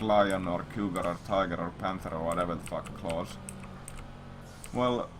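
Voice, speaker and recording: This is a streamer speaking to his audience in a fairly low, casual voice, with keyboard clatter and noise all through the stream audio. He rambles, swears freely, and bluntly repeats himself, circling back to the same remarks in a profane, blunt, repetitive way.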